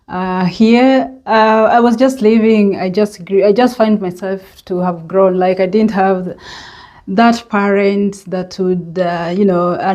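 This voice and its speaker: A woman from Kenya with a Kenyan accent, talking in a reflective personal vlog and pausing often to think. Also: mid-range voice, dark tone. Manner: unhurried and reflective, with many hesitant pauses and fillers. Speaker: vlogger.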